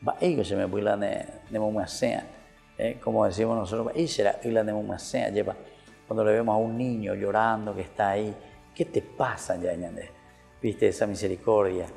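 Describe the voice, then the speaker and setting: Male priest, gravelly and mellow, conversational sermon style, reverberant with soft music. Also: on the low side, steady tone, brisk. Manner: conversational preaching, mixes in Guarani words, rising when voicing Moses. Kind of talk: radio Bible reflection.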